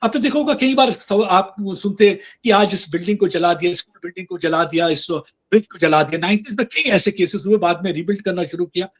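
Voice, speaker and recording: A man's voice: high voice, fairly quick, few pauses, husky. A man speaking as a guest in a political interview, earnest and insistent, switching between Hindi and English with frequent fillers.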